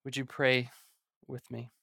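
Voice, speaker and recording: A pastor preaching a sermon at a pulpit microphone in a church, reading scripture and praying in a measured, earnest way. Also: medium pitch, level tone, creaky, pushed and bright, husky, no room sound, studio quality. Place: church sanctuary.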